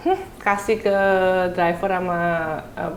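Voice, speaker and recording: A woman's voice: fairly low pitch, measured pace, vocal fry, a little hiss or hum. A woman in her thirties chatting casually as a talk show guest, often laughing as she tells stories. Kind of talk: casual chat.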